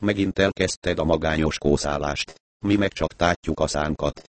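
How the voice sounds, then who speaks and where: Man reading as a gruff police major. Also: a bass voice, dry recording. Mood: grumbling. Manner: grumbling, blunt. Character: gruff middle-aged male police major.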